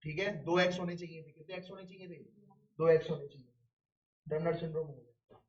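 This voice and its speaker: A man's voice: on the high side, steady tone, fairly quick. A man teaching a biology lecture who keeps asking the class questions and answering them himself, using everyday examples. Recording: roomy, distant and dull-toned.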